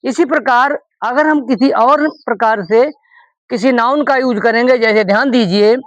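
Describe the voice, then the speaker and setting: A male teacher explaining English pronunciation in a classroom lesson, reading example sentences slowly and deliberately. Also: very high voice, a bit bright, no room sound, low-quality recording.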